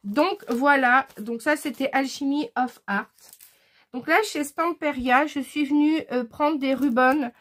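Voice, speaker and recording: A woman chatting casually in a haul video, enthusiastic and hesitant, often pausing with "euh" as she shows her scrapbooking purchases. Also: sits high, a bit bright.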